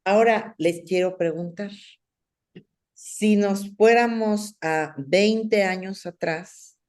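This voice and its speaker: A woman hosting a panel conversation, asking her guests questions at an unhurried, deliberate pace. Her pitch is in a middle range, and she speaks in a calm, measured way. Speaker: host. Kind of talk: moderating a panel talk.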